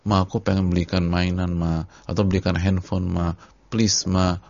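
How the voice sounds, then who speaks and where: A man's voice: deep voice, little pitch movement, moderate pace, vocal fry, a little mellow, dull audio. A male preacher voicing a young child who begs his mother over and over in a pleading whine. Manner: pleading, repetitive begging.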